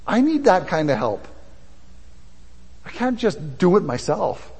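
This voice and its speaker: High-voiced husky pastor preaching in a hall. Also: male voice, very animated, measured pace. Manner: builds from soft and low to loud and impassioned. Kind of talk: sermon. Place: church hall. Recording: long reverb of a hall.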